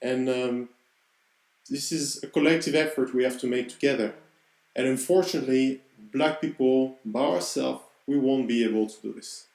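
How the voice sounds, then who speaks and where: A man's voice: mid-range voice, normal speed, gravelly, darkish tone, echoey room, rough recording. A man with a French accent, hosting a podcast and telling a personal story in an earnest, reflective way. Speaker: podcast host.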